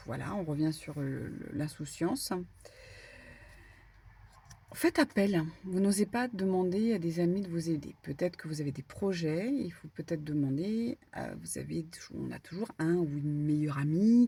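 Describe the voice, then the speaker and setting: A woman medium giving a casual spiritual card reading, talking in an animated, stumbling way with many fillers. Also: lowish voice, slightly rough. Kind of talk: spiritual guidance talk, casual.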